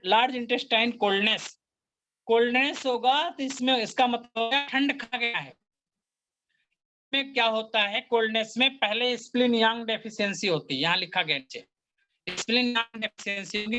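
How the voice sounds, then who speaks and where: Acupuncture teacher at a workshop, bright clear voice, walks through cases step by step, a little faint hiss behind. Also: medium pitch. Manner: explains step by step with patient case stories, repeating key terms. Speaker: acupuncture and Chinese medicine teacher. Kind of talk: workshop lecture.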